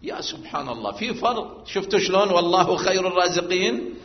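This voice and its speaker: A man's voice: high-pitched, expressive. Echoey preacher man swelling into chant. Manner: swells from quiet storytelling to loud, drawn-out chanting emphasis. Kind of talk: sermon. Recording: muffled, echoey hall recording.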